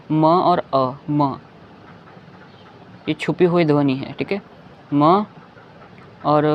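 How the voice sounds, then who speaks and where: A man teaching a lesson, patiently repeating each sound and often checking that listeners follow. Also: a little high. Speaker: Hindi teacher. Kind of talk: slow explanatory lesson. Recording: dull lo-fi recording with faint background noise.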